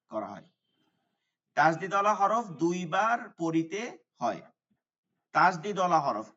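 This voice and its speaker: A man teaching a Quran recitation class online, explaining letter sounds and drawing out the recitation examples slowly. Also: a little high, fairly bright tone. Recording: dull sound from away from the mic.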